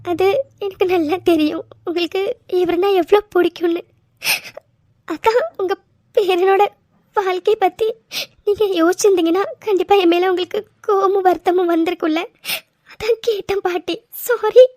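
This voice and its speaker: A woman's voice: high voice, steady tone, normal speed, pauses often, no echo, clean studio sound, natural voice. A woman voicing a timid, apologetic young wife. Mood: tearful. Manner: hesitant, stammering, keeps apologising.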